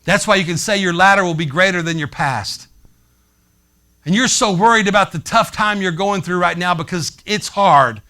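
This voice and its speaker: A male pastor delivers a sermon with a high-pitched voice and a bright, forceful edge. His delivery is animated and conversational, as if he is talking with the congregation face to face. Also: normal speed. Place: church sanctuary.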